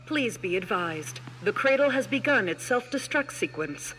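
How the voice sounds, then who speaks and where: A woman voicing a female automated system announcer, repeating a flat machine alert over a facility loudspeaker. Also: a little high, moderate pace, soft background music, poor audio. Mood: warning.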